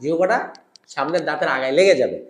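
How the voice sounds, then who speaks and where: A Quran pronunciation teacher, giving an instructional lesson and repeating sounds slowly to demonstrate them. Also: medium pitch, lively intonation. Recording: echoey room.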